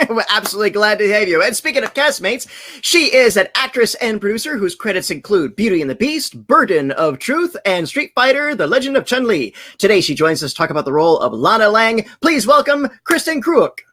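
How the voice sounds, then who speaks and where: A woman's voice: mid-range voice, big pitch swings, fairly quick, fairly bright tone, a little hiss or hum. A woman hosting a virtual convention panel over a video call, reading upbeat introductions and laughing often. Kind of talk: upbeat scripted introductions and moderating.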